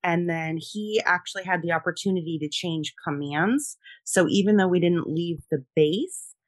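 A podcast interview features a middle-aged woman from Rhode Island, USA, who served in the military and is also a military spouse. With no room sound, her lowish voice moves at a moderate pace, friendly and peppered with fillers.

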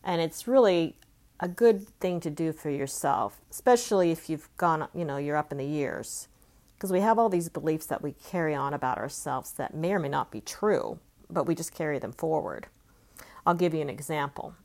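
A woman's voice: deep voice, animated, normal speed, darkish tone. A woman in her fifties from California, talking earnestly and conversationally as she reflects aloud in a personal vlog. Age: 50s. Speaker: self-help vlogger.

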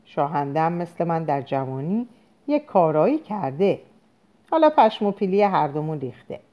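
A woman reading a novel aloud, voicing an easygoing middle-aged husband and father in her own mellow voice. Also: deep voice, big pitch swings. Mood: teasing.

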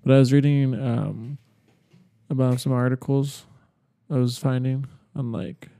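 Mellow, creaky man chatting. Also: medium pitch, fairly even intonation, unhurried. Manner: rambling, hesitant, speculative. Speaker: podcast co-host. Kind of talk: casual chat.

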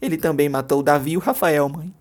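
A shrill, desperate young woman, as a storyteller puts her on, her voice leaping high into screams. She shouts in raw fury, lashing out again and again. An audiobook-style story reading. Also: fast talker, natural voice. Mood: furious.

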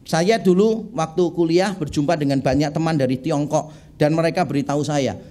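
A middle-aged man preaching a sermon in a conversational, animated way, telling humorous stories. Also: high voice. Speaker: pastor.

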